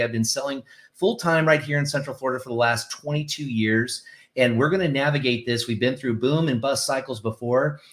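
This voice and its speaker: Upbeat middle-aged man with roomy echo. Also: medium pitch. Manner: upbeat, rambling with fillers. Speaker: real estate agent hosting investor show. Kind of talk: interview hosting.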